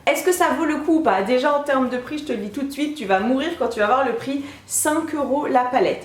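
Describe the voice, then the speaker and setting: Excitable young woman doing a casual beauty vlog at her table, lots of room echo. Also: high-pitched, a little hiss or hum. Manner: bubbly, chatty, excitable. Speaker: beauty vlogger. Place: indoor room at a makeup table. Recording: echoey room.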